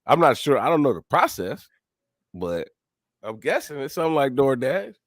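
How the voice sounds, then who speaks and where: A man's voice: mid-range voice, big pitch swings, moderate pace, no room sound, studio quality. A man co-hosting a casual stream, reacting to a clip in laid-back slangy banter.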